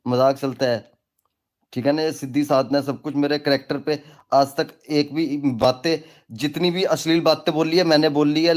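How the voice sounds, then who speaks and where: A man who presents himself as a tantric guru, ranting casually in a crude, mocking, rambling way. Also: a little high. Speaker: self-styled tantric guru. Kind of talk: casual live rant.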